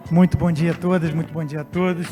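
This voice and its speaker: A Portuguese executive in his late fifties, appearing as a guest speaker, gives a semi-formal and slightly hesitant speech on stage at a live event. His voice is fairly high, warm and fast with a flat delivery, and the reverberant hall has music playing behind him.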